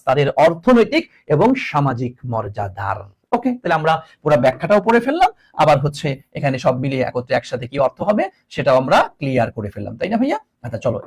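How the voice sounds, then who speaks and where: A young man teaching an online class, explaining line by line, mixing English words into his talk and often asking students questions. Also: high-pitched. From Bangladesh.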